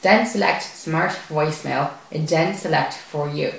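The very echoey bare room carries the fairly high, creaky voice of a young Irish man presenting a scripted tech tutorial to camera. A young adult tech video host, he speaks at a measured pace from a desk in the small space.

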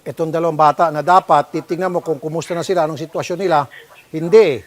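A man with a Filipino accent hosts a broadcast public-service program and presses his guests with stern, scolding questions. His voice sits fairly high for a man. He talks in quick bursts, demanding answers. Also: steady tone. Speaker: host.

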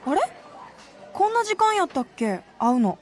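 A woman's voice: very high voice, big pitch swings, normal speed. An actress voicing a blunt, teasing young idol girl in a dating game, speaking with a Kansai accent.

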